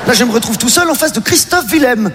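A man performing as a strange castaway living alone on an island, rambling and hesitant in a low mumble. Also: animated, quick pace, fairly bright tone. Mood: dazed, rambling. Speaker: stand-up comedian. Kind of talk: stand-up character monologue. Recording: long hall reverb, clear background noise.

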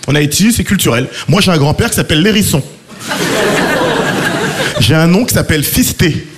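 A man's voice: a little high, animated, normal speed, over a noisy crowd, very noisy. A man in his thirties from France, performing a self-mocking stand-up routine. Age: 30s. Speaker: stand-up comedian.

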